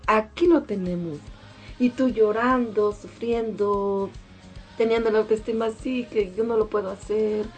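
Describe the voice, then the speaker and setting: A woman's voice: medium pitch, fairly even intonation, measured pace, darkish tone. A woman with a mid-range voice speaks emphatically in a casual devotional talk. She repeats her key phrases for weight. Faint music plays behind her. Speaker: mother.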